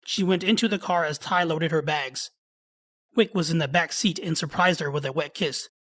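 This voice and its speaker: Bright-voiced male story narrator. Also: a little high, moderate pace. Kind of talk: scripted narration of a love story.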